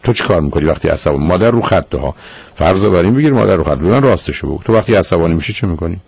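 A man's voice: sits low, animated, creaky, breathy edge, no echo, dull audio. A man hosting a radio call-in show as a psychologist, probing and lecturing his caller firmly. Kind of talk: call-in advice counseling.

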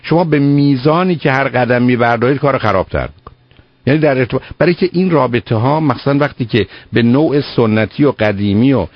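A man's voice: mid-range voice, dry recording. A man hosting a radio call-in advice show, earnest and lecturing, repeating words for emphasis. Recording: dull lo-fi radio broadcast.

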